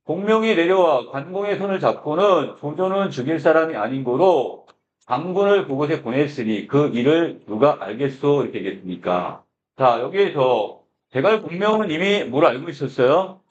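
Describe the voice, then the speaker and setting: A man's voice: on the high side, expressive, moderate pace, dull audio, slight background noise. Man lecturing, asking rhetorical questions. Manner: reads the text aloud, then explains it in plain words with rhetorical questions. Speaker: Korean literature teacher. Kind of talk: lecture explaining a classical pansori text.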